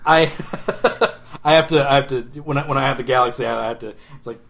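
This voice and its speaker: A man's voice: medium pitch, brisk, gravelly, fairly bright tone. A man co-hosting a podcast, chatting casually, laughing often and rambling with restarts. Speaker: podcast co-host. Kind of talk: casual chat about games and movies.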